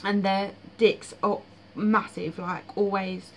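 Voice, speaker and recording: A woman's voice: medium pitch, steady tone, slow pace, slight background noise, poor audio. A woman vlogging about her dreams in casual, frank, blunt monologue with frequent fillers.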